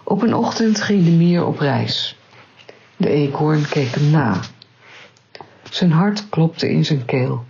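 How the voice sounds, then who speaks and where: Slow gravelly woman reading a story. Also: low-pitched, lively intonation, darkish tone, lo-fi sound, slight background noise.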